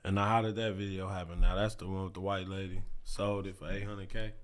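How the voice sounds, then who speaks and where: A man's voice: low-pitched, little pitch movement, fast. A man hosting a podcast in casual chat, giving brief reactions and short questions.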